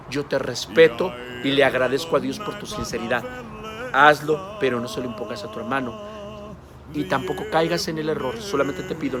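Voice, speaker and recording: A man giving an earnest sermon-style teaching, emphatic and speaking straight to the listener. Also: medium pitch. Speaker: preacher.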